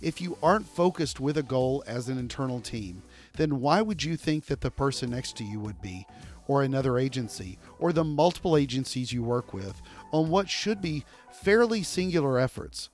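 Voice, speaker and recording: A man hosting a podcast, asking playful this-or-that questions and then giving a measured recap of advice. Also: mid-range voice, lively intonation, a little mellow, faint music behind. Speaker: podcast host. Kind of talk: casual interview and scripted recap.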